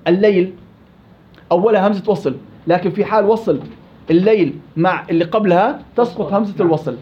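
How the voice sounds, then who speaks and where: Brief: fast-talking man, high voice, teaching a class, dull lo-fi sound. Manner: quizzing students, repeating and drilling examples. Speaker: Quran recitation teacher. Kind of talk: classroom tajweed lesson.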